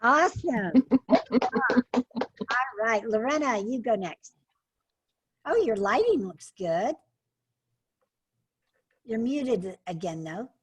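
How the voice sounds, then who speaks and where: A woman's voice: fairly high pitch, expressive, slow, long pauses, slightly rough. A woman coaching a workshop on a video call, chatting casually with encouraging exclamations.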